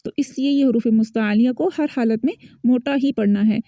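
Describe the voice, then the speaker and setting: A woman teaching Quran recitation online, explaining sounds and slowly repeating example words for her students. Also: on the high side, dark tone, no echo. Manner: patient, repeats words slowly and drills them. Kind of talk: online lesson, explaining and modeling pronunciation.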